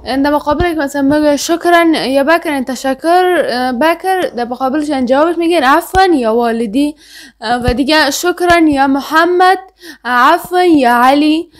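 A woman student, reading Arabic sentences aloud and translating them with small hesitations. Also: high-pitched.

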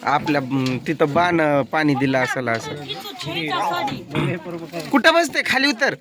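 A man's voice: on the high side, big pitch swings, takes it slowly, a crowd in the background. A man vlogging, chatting and teasing as he rides outdoors on a farm vehicle. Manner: teasing, bantering. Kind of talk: casual vlog chat and teasing. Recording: loud outdoor vehicle noise.

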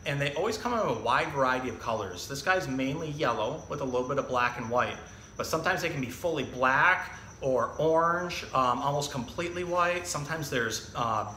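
Reading a picture book and explaining animals to children, a thirties-aged zookeeper hosts a storytime in a relaxed, straightforward manner. He has a bright, forward voice of average pitch. Faint noise sits behind him in an echoey indoor room with hard walls and a tiled floor.

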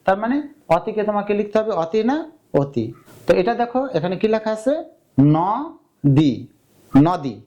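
A young male teacher gives a step-by-step grammar lesson for exam preparation. His voice sits high for a man yet sounds warm and mellow. He keeps asking his students questions and answering them himself. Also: expressive, fast, dull audio.

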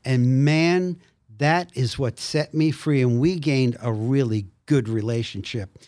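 An older man, a guest, telling animated stories in a conversation and slipping into voices. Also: mid-range voice, measured pace, no room sound. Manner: animated storyteller, acts out voices. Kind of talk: storytelling in a conversation.

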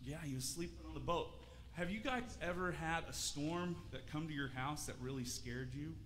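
Leading a children's sermon in a church sanctuary, a man in his thirties uses a fairly high, slightly bright voice at a moderate pace. He speaks in a friendly manner, asking questions and often restarting. Faint room noise and church hall reverb are audible.

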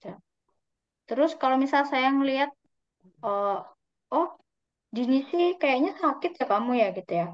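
A woman's voice: sits high, expressive. A woman teaching a Korean class online, patiently drawing out example words. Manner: patient, drawn-out model pronunciations. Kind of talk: online class explaining grammar. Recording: dry, slightly dull online call audio.

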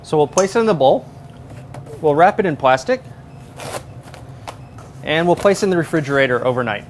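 Chef in his thirties, slightly high voice, walks through a recipe step by step, lapel mic in a large kitchen. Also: normal speed, slight background noise. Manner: steady step-by-step instruction. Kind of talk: cooking demonstration. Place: large professional kitchen, indoors.

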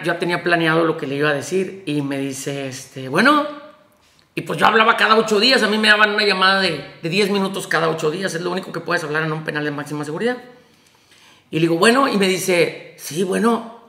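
A man's voice: high-pitched, bright, forceful tone, echoey room. A man with a Mexican Spanish accent telling a personal story in a casual vlog, emotional and rambling, with many fillers and restarts. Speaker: vlogger telling prison release story.

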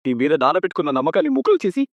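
This is TV serial acting: a man voices a domineering, hot-tempered older brother, furious as he berates and threatens his sister. He speaks at a racing pace in a slightly high, sing-song voice. There's no room sound, and the audio is dull, dry and lo-fi.

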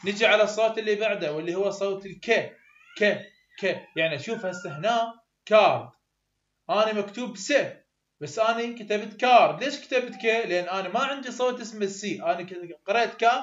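Iraqi guy teaching phonetics, goes step by step and repeats stuff, kinda high voice, echoey dull recording. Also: fairly bright tone. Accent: Iraqi Arabic. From Iraq. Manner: explains step by step, repeats terms for learners. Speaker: English phonetics tutor. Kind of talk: recorded online lecture. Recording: echoey room, dull lo-fi sound.

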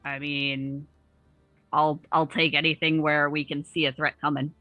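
A woman's voice: low-pitched, level tone, measured pace, no room sound, lo-fi sound, faint music behind. A woman player in a tabletop game, speaking in a hesitant, thoughtful way.

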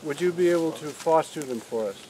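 A slightly high-pitched older man talks a little fast as he casually walks a group through his farm outdoors, with background noise behind him. His speech rambles, restarting often and padded with fillers, as picked up by a camera in the standing group.

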